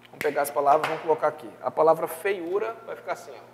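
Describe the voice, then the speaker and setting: Gravelly Brazilian teacher in an echoey room. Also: male voice, fairly high pitch, rapid-fire, background noise. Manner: lively, peppers speech with tag questions. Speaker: exam-prep teacher. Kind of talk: recorded review class.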